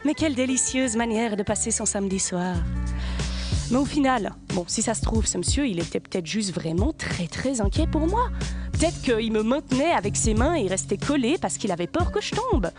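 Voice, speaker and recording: Casting: female comic storyteller, high voice, sarcastic and theatrical with crude exasperated outbursts, music underneath. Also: big pitch swings, normal speed. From Switzerland. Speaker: radio comedy columnist.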